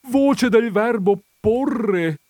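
A man voicing a haughty, touchy noble lady columnist, in a shrill, offended, theatrical manner, reading a comic story. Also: drawn-out words, a little mellow, no echo, clean studio sound, heavily acted. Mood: flustered.

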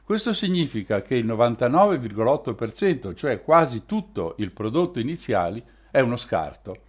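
Man calmly narrating an explainer. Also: mid-range voice, normal speed.

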